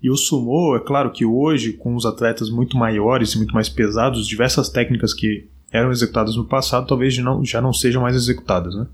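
A man with a Brazilian Portuguese accent hosting a solo podcast, explaining at length in a relaxed way, with frequent fillers. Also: medium pitch, brisk, few pauses, husky. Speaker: podcast host. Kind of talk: solo podcast talk on martial arts history.

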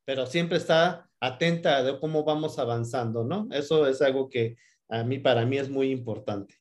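A man's voice: medium pitch, darkish tone. Friendly Mexican male interviewer. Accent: Mexican Spanish. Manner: friendly, halting, repeats words, praises often. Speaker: interviewer, professor. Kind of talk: interview questions.

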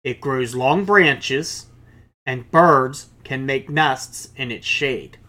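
A man's voice: mid-range voice, extremely slow, pushed and bright. A male pastor preaching a sermon, reading scripture aloud and explaining it with casual asides.

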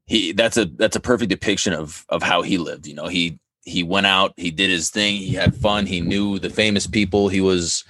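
Casting: very low-voiced male sports co-host, relaxed and halting, dry close sound. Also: dry recording. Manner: easygoing, halting, with frequent fillers. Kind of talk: casual sports chat.

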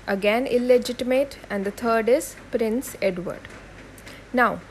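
A woman's voice: fairly high pitch, a little hiss or hum, low-quality recording. A woman teaching a history lesson for exam students. She repeats key points, spells names letter by letter and asks questions that she answers herself.

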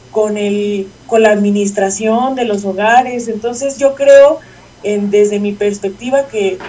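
A woman speaks in a reflective, halting way. Her voice is mellow and a little high. She sounds distant from the mic, with faint noise behind. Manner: reflective, halting with many restarts. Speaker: guest. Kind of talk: casual chat.

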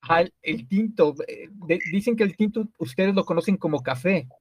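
A Mexican man with a Mexican Spanish accent hosts a relaxed group conversation, asking curious questions and often restarting his sentences. His voice sits a little high for a man, and the sound is close and dry with almost no room echo. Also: moderate pace, slightly rough. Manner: curious, asks lots of questions, hesitant restarts. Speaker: host. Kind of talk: casual group chat on a call.

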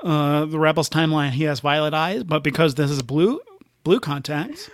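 A man's voice: a little high, moderate pace, dry recording. A man guesting on a podcast, bantering and teasing the host with silly jokes. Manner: joking, teasing.

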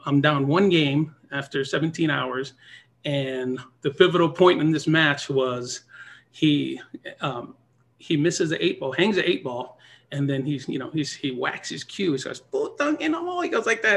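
A man tells old gambling stories in a loose, chatty way, and his voice sits a little high. He leans on "you know" constantly and jumps into high, excited impressions of other people. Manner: animated, acts out other people's lines in a high voice; lots of fillers like "you know". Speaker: pool player telling stories. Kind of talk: casual storytelling.

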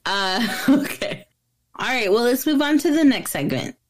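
A woman's voice: a little high, very animated, normal speed. A young woman co-hosting a podcast, giggling as she retells favorite movie scenes and swearing now and then. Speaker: podcast co-host. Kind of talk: casual chat about a movie.

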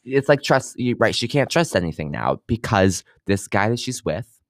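Low-voiced young man hosting a chatty podcast. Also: big pitch swings, normal speed, dry recording, clean studio sound. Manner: loose and chatty, lots of fillers. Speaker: podcast host. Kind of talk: casual music review chat.

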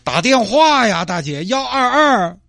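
A man playing an exasperated highway traffic cop who keeps scolding a stranded driver with incredulous questions in a comedy skit. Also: big pitch swings, a little slow, gravelly, sharp tone, no echo, soft background music, exaggerated voice.

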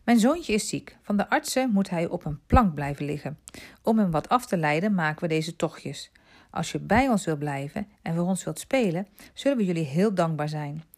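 A woman voicing a kind, gentle noble lady who pities a poor boy, read aloud from a storybook. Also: lowish voice, expressive, moderate pace. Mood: earnest. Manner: gentle, pitying, warm-hearted.

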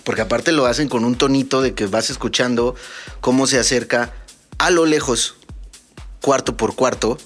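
Animated Mexican man telling stories. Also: mid-range voice, moderate pace, faint music behind. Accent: Mexican Spanish. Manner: animated, swears freely, acts out the people in his stories. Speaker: DJ and podcast host. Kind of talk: casual comedic storytelling.

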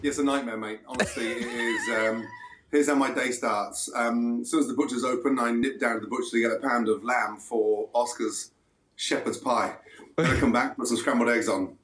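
A man's voice: mid-range voice, fairly even intonation, moderate pace, a bit bright, slight background noise. Guest chef, male, breezy talker, sounds roomy and echoey. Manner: chatty, breezy storytelling. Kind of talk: remote radio interview.

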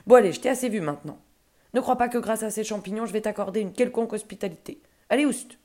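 A woman reading a storybook and voicing a grumpy, short-tempered male ogre who barks his lines loudly. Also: medium pitch, quick pace, pitched above the performer's own voice, close to an everyday voice. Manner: loud, barking commands.

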